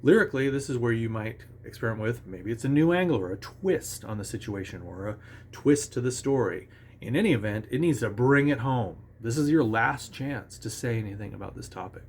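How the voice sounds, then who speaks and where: A man giving a relaxed, conversational songwriting lesson, talking with restarts and sometimes singing short nonsense syllables as examples. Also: mid-range voice, a little fast, a little hiss or hum. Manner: self-assured about his own lyric writing. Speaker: songwriting teacher. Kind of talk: casual instructional talk.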